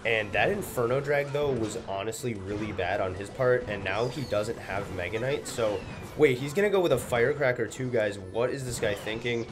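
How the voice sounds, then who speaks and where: A young adult man hosts a gaming video, giving casual gameplay commentary at normal speed in a mid-range voice. His nose sounds slightly congested and stuffy, and loud music plays in the background.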